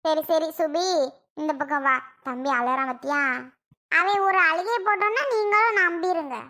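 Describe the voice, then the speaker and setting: A woman's voice: very high voice, normal speed, sharp tone. A woman doing a soothing village aunt. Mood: coaxing. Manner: coaxing, soothing. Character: soft-hearted village aunt and mother. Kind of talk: cartoon voice acting.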